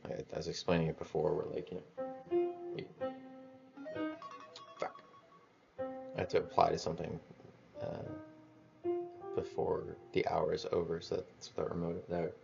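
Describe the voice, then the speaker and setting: A man rambling in a casual monologue about music theory, halting and restarting as he thinks aloud. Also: low-pitched, completely flat delivery, vocal fry, dull audio. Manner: musing, halting, many restarts and swearing.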